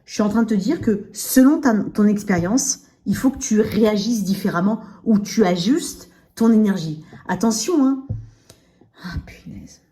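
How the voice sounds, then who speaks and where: A woman with a dark, mid-range voice does an unhurried, casual tarot reading, talking directly to the listener and checking in frequently with short tags. Dental braces give her words a slight slur.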